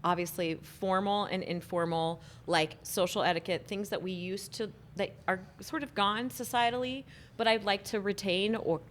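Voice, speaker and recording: A woman co-hosting a podcast, chatting casually and telling stories with frequent laughs. Her voice sits at an ordinary middle pitch. She talks loosely, circling back on her own thoughts. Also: steady tone, normal speed, slight background noise. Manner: chatty, laughs often, storytelling. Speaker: podcast co-host. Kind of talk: casual chat.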